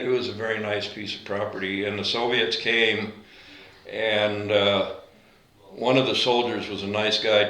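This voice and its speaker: A man in his eighties, born in Latvia, recalling his life in an oral history interview, unhurried and halting with fillers and self-corrections. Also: on the low side, bright, forceful tone, echoey room, low-quality recording. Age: 80s. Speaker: veteran interviewee.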